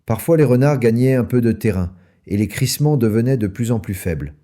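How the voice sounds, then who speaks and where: A man reading a children's story aloud in French, lively and acting out the characters. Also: a little fast. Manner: lively, acts out each character with raised pitch. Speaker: audiobook narrator.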